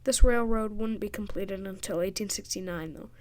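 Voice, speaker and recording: A woman's voice: medium pitch, normal speed, darkish tone. A woman narrating a history video in a casual scripted way, with jokey, sarcastic asides. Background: background music.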